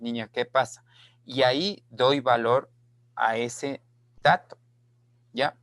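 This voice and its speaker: Slow, deliberate male teacher. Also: medium pitch, fairly bright tone, no echo. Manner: slow, deliberate, repeats key phrases and checks understanding. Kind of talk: online class lecture. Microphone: video call.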